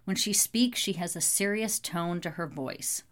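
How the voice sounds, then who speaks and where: A woman reading an audiobook in steady scripted narration. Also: lowish voice, unhurried.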